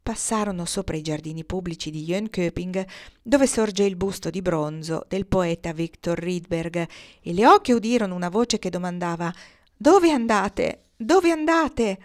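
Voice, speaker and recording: A woman reading a storybook aloud in a measured, expressive narration. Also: on the low side. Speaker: audiobook reader.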